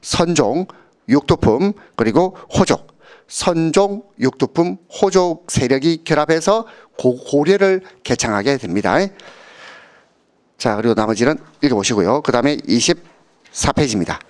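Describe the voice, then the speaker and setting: A man's voice: on the high side, lively intonation, a little slow, darkish tone. A man, giving an exam-prep history lecture, often checking with students through short tag questions and telling anecdotes. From Gyeongsang region of Korea. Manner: tells anecdotes and acts out quoted speakers.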